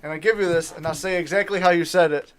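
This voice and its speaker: A young man with a notably high voice hosts a loose, casual podcast conversation. He jokes around and laughs often between his lines. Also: fairly even intonation, fast, clear, resonant tone. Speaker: podcast host.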